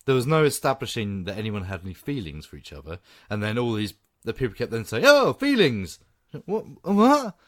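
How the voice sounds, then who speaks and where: A man co-hosting a podcast, giving opinionated, animated takes in casual film chat. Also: on the low side, fast talker, hardly any pauses. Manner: opinionated, animated, laughs often. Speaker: podcast co-host.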